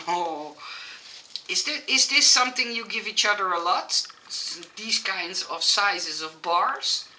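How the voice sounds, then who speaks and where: A Dutch-accented woman gushes her way through an unboxing in an unhurried, drawn-out way, stumbling and starting over as she goes. She sits back from the mic, and a loud sizzling, frying sound runs behind her. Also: medium pitch, recorded from a distance, a little hiss or hum, low-quality recording. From Netherlands. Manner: excitable and gushing, with frequent restarts and giggles. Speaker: crafting vlogger. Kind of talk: casual unboxing chat.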